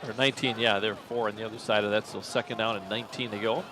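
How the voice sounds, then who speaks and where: On a local radio football broadcast, a male play-by-play man keeps a quick pace against a little hiss or hum. He tracks the action steadily, gets louder and higher on big plays, and fixes his own mistakes out loud.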